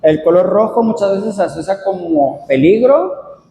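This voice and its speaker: A man gives a halting class explanation in a mellow, fairly high voice. The recording is roomy with a long reverb and faint ambience behind. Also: lively intonation, vocal fry, slight background noise. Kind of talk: class presentation. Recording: echoey room, faint background ambience.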